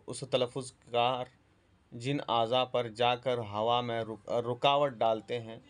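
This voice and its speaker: Halting man teaching a phonetics lesson. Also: medium pitch, level tone. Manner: halting, self-correcting, mixes English terms. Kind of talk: spoken lecture on phonetics.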